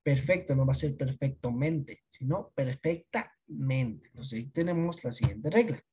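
Patient, soft-toned teacher explaining grammar. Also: medium pitch, animated, brisk, breathy edge. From Ecuador. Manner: explains patiently, asks checking questions. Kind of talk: online class lesson.

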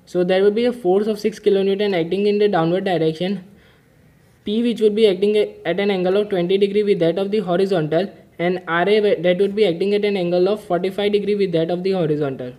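Guy tutor walking thru a mechanics problem, high-ish voice, mellow tone, steady step by step. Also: quick pace. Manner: methodical, step-by-step explaining with filler "okay". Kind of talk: whiteboard-style problem-solving lesson.

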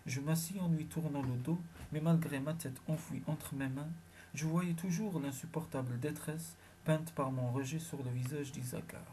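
A man narrating a science fiction audiobook in the first person, measured and dramatic. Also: on the high side, steady tone, dark tone, a little hiss or hum.

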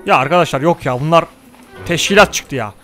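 A man giving casual let's-play commentary, excitable, talking to his viewers and cursing at the game. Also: on the high side, fairly quick, soft background music. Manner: excitable, talks to viewers, mutters and curses at the game. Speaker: gaming YouTuber.

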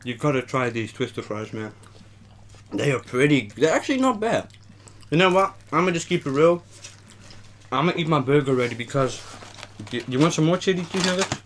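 A man's voice: fairly high pitch, animated, fairly quick, long pauses, fairly bright tone, a little hiss or hum. A young man hosting a casual eating video in an attic, talking in a slangy, laid-back way between bites. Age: young adult. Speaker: host. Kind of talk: casual mukbang chat. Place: small warm attic room, indoors.

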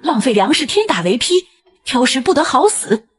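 A woman's voice: sing-song, normal speed. A woman voicing a mean, scolding grandmother in her sixties who favors her grandson. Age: 60s. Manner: shrill and scolding.

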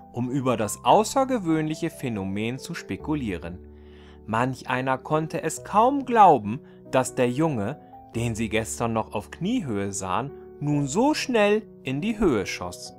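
A man reads a fairy tale aloud as a storyteller, giving it an expressive, deliberate, scripted storybook delivery in a mid-range voice.

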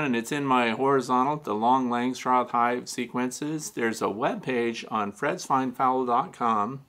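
A man's voice: on the low side, creaky, sharp tone. An older man hosting a beekeeping show, talking casually to camera from a small home studio with frequent fillers and wry asides. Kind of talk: casual advice talk to camera. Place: small home studio with shelves and neon sign.

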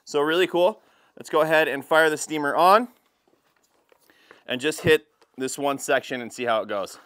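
Speaking at a moderate pace, this thirtysomething detailing host has a slightly high, fairly bright voice. He's wearing a lapel mic and chats loosely through a product test, dropping frequent fillers along the way. The review vlog is shot in a garage workshop, outside by a van, and in a hallway at home.

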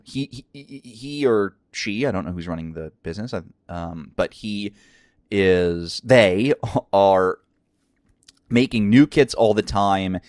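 A man's voice: lowish voice, darkish tone, no echo, clean studio sound. A man with a scratchy voice hosting a casual crafting tutorial, enthusiastic and rambling with lots of fillers, from a craft room at home. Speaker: crafting channel host.

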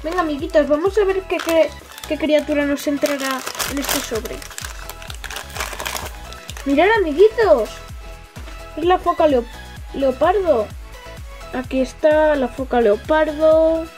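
Female kids' toy channel host, very high voice, sing-song and enthusiastic, music underneath. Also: a little slow, pauses often, darkish tone. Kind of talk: toy unboxing for children.

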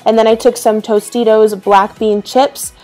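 Young woman vlogging to the camera, chatty and upbeat, kinda high voice, soft music under her. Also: little pitch movement, measured pace. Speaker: lifestyle vlogger. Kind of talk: casual chat to camera; voice-over cooking tutorial. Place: bedroom with clothes rack behind. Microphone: camera framed from the waist up.

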